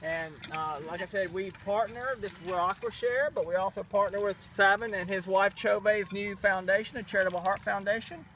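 A middle-aged charity representative gives a casual vlog tour at a village well and a small new house, speaking outdoors into a handheld camera. His high voice has fairly even intonation and a moderate pace with few pauses, and he explains things enthusiastically and gratefully as he walks. The background is noisy.

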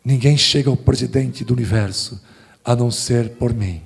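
A preacher voicing Jesus, speaking slowly and solemnly in a lowered voice. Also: male voice, creaky, breathy edge, exaggerated voice. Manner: slow, solemn, deep. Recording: long church-hall reverb.

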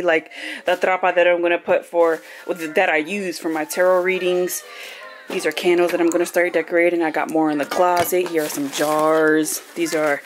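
A congested woman gives a chatty home vlog tour in a mid-range voice, bouncing from one thing to the next. Steady noise hisses under her voice in the room. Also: medium pitch. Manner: chatty and excitable, lots of fillers. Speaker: vlogger.

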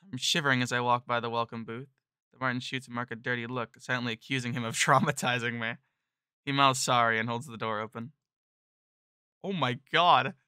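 A man narrating a visual novel in the first person, in a bright, forceful voice at a middle pitch. He reads in a nervous, self-deprecating tone. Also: smooth, no room sound, clean studio sound.

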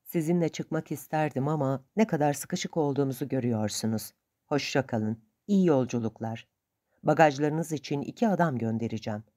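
A woman's voice: rumbling low, lively intonation, brisk, dark tone. Woman reading as a courteous ship's officer.

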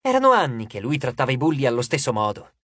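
A man narrating an audiobook in an expressive storytelling manner, close to the mic. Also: mid-range voice, fast, dry recording. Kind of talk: scripted narration.

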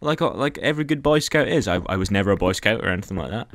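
Gamer guy, joking banter, lively swoopy pitch, faint noise behind. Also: fast talker. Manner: jokey, bursts into loud playful shouting. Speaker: gameplay commentator. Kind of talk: casual gameplay chat.

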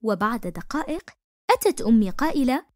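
A woman narrating a first-person story for an animated cartoon in an expressive, emotive way. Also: on the high side, a little fast, dry recording, studio quality.

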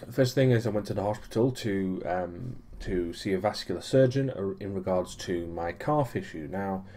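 A man's voice: low-pitched, normal speed, warm tone, a little hiss or hum. A young man giving a casual weekly vlog recap, rambling with many ums and restarts and a dry, sarcastic streak. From Europe. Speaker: vlogger.

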